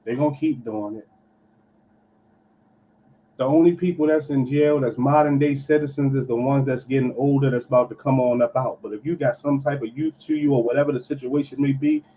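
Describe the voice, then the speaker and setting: A man's voice: medium pitch, fairly even intonation, a little fast, dark tone. A man, a pastor calling in on a muffled line that sounds like he is in a tunnel, giving emphatic, preachy commentary and dropping in "okay" to drive his points home. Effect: muffled call-in line, as if in a tunnel. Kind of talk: call-in commentary. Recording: muffled call audio with faint hiss.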